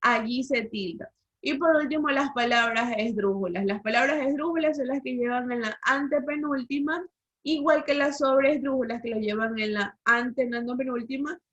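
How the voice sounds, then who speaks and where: This online language teacher's voice sits high and sounds a bit bright, moving at a moderate pace. Through slightly dull lo-fi call audio, she explains the rules and then tests the class with questions.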